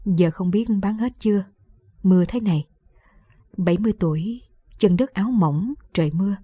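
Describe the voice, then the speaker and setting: Woman reader, mellow tone, dry close studio sound, wry radio storytelling. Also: mid-range voice, breathy edge, no room sound. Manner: lively storytelling, wry and conversational. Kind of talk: scripted first-person story narration.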